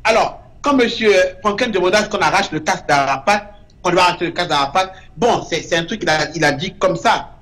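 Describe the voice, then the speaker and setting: A man's voice: high-pitched, animated, a little fast, fairly bright tone. A man, a guest artist in an interview, speaking with emphasis and repeating short verdicts. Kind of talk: impassioned interview talk.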